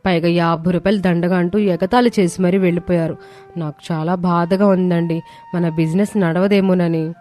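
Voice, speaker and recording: A woman's voice: on the low side, fairly even intonation, normal speed, warm tone, faint music behind, close to an everyday voice. A woman voicing a young daughter-in-law who speaks in a plaintive way. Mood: upset.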